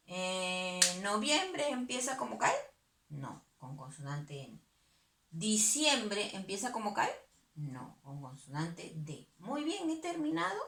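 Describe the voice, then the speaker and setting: A woman's voice: on the low side, a bit bright, reverberant. A woman teacher giving a virtual math lesson to young pupils, patiently asking and answering her own questions. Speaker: primary school teacher.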